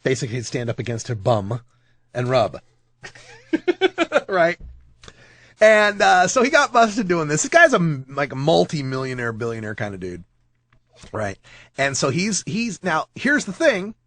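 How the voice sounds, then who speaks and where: A man's voice: a little high, wildly swooping pitch, unhurried, pauses often, fairly bright tone, dry recording. A man hosting a podcast, rambling and joking through news stories with frequent laughs. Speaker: podcast host. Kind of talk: casual news commentary.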